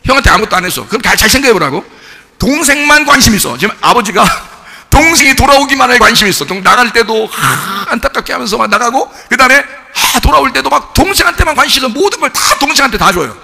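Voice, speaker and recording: Animated, bright-voiced preaching man. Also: very high voice, fast, creaky, breathy edge, big-room sound. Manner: conversational, asks the congregation questions. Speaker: pastor. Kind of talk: sermon.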